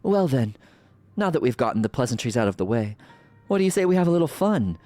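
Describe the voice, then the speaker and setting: A man's voice: mid-range voice, very animated, fast, dark tone, no room sound, soft background music, voice pushed up, close to an everyday voice. Man voicing a menacing, theatrical villain sorceress. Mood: taunting menace. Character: haughty sardonic ancient sorceress villain, memory manifested, woman. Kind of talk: reading game dialogue aloud in character.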